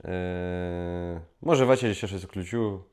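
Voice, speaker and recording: A man's voice: low voice, a little slow, a little mellow. A man talking casually to camera at home, rambling and thinking aloud while he counts into a clip-on microphone he is testing. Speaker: vlogger. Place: at home, later in a kitchen. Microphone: clip-on microphone under test.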